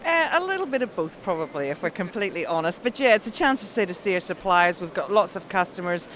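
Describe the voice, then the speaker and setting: A woman with a Northern Irish Belfast accent, an account manager, is interviewed at a trade show. She talks fast in a lowish, sing-song, fairly bright voice, upbeat, enthusiastic and polished like a phone voice. There's a little hiss or hum.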